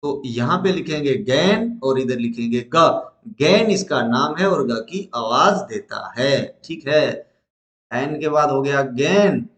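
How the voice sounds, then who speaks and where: Slow, drilling male teacher in echoey room. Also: mid-range voice, lively intonation. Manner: drilling, asks questions and answers them himself. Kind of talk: classroom lesson at a board.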